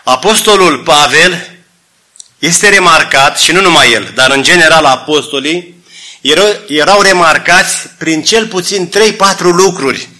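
Fervent preacher with a bright, high voice. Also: male voice. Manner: fervent, addresses the congregation as brothers, acts out dialogue. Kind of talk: sermon.

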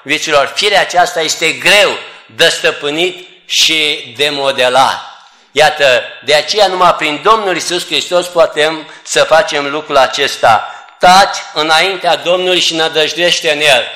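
A man's voice: fairly high pitch, pushed and bright. Earnest man preaching in an echoey hall. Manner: earnest, repeatedly addressing listeners as beloved. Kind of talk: church sermon. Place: church assembly hall.

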